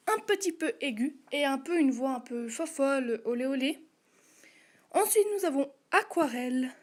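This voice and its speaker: A woman hosting a casual casting-call video, listing characters and their voices with hesitant fillers and asides. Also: sits high. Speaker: channel host casting voice actors.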